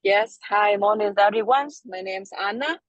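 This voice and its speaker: A woman's voice: medium pitch, no echo. Student calling in on car speakerphone; woman, hesitant delivery, muffled dry audio. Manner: halting, hesitant phrasing. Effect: over a car speakerphone while driving. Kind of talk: class self-introduction. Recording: dull lo-fi car call audio.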